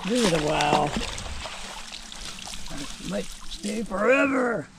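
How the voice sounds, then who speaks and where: A man's voice: high voice, animated, takes it slowly, creaky, heavy background noise. A man fishing from a boat with a friend, making dry wisecracks in casual chat. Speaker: guest fishing buddy. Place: outdoors on a boat on a lake.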